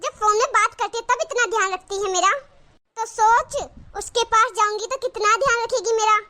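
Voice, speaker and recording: A shrill, bright-voiced cartoon mother-in-law who scolds, complains and groans about her aches, as a woman acts her out. She is suspicious and self-pitying, and her voice sits very high with a sharp, forceful edge. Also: steady tone, normal speed. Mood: gloating. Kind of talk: cartoon voice acting.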